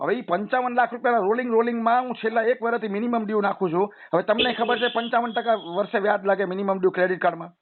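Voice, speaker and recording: A man arguing his case at length on a recorded phone call, persuasive and lecturing. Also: high-pitched. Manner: persuasive, lecturing, long-winded. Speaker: loan customer on a phone call. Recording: tinny phone line, faint noise.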